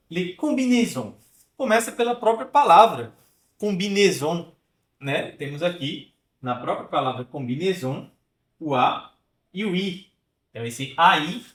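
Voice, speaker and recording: Expressive and a bit bright, a slightly high-voiced man teaches French pronunciation online from an echoey room. His style is explanatory, with slow sound drills and constant "né?" and "tá?" check-ins.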